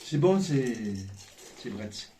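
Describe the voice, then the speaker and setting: A man's voice: medium pitch, sing-song, slow, warm tone. A man chatting casually as a tasting host, munching crunchy chips as he talks. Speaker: snack tasting video host. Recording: roomy echo, distant mic, faint noise.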